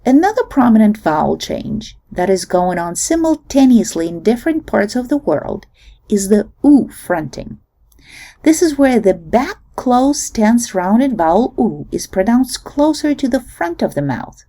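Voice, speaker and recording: A woman giving a recorded linguistics lecture, explaining in a measured way and demonstrating sounds aloud. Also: fairly high pitch, sing-song, mellow.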